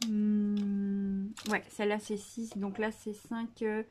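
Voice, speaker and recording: A woman's voice: mid-range voice, flat delivery, slow, background noise. A woman hosting a casual scrapbooking tutorial, chatty and hesitant with many fillers, joking about herself.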